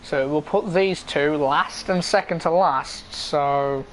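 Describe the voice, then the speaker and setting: High-voiced male motorsport commentator. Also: slow pace, a little hiss or hum, low-quality recording. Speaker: motorsport commentator of an online sim racing league. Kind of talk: live motorsport commentary of a racing game.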